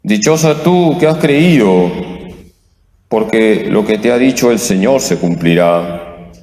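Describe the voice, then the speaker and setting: A male priest reading the Gospel and preaching slowly and deliberately, chanting the responses, heard in a large church with a cathedral echo. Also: on the low side, lively intonation, a little mellow. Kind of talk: Mass reading and homily. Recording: echoey church, voice from afar.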